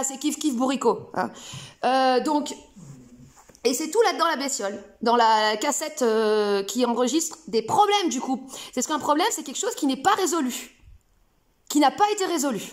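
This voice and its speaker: A woman explaining ideas casually to camera at home, playful and rambling with many hesitations. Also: sits high. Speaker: self-help video host. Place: home room.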